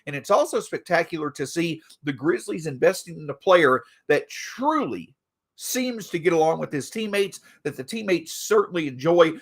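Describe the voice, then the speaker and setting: A man hosting a solo sports podcast, talking through team news in an animated way, a bit stuffy from allergies. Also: fairly high pitch, normal speed. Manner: animated, reads an ad mid-show. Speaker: podcast host.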